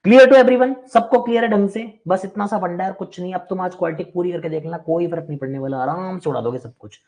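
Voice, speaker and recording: A man's voice: high-pitched, quick pace, darkish tone. A man teaching a live online maths class, chatty and reassuring but firm with students who interrupt.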